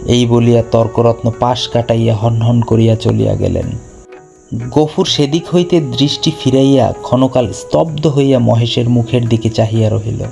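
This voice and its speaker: Gravelly-voiced man reading a story. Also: medium pitch, normal speed, mellow, soft background music.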